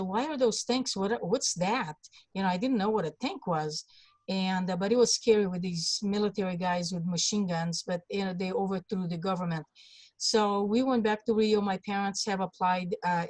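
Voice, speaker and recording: A woman in her sixties, born in Hungary, telling her life story as an interview guest with many pauses and fillers. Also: mid-range voice, steady tone, no echo. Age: 60s. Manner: halting, many fillers and restarts. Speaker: guest, congressional candidate.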